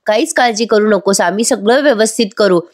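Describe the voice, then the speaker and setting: A woman voicing a calm, caring young man who soothes his family. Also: medium pitch, fairly quick, close to an everyday voice. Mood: soothing.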